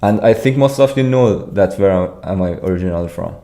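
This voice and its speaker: Pitched low and dark in tone, this fairly quick voice belongs to a young Iranian man in early adulthood. He's live streaming at a computer, loosely explaining contest solutions while going through chat. His manner is casual and hesitant, with many restarted sentences and laughter as he reads.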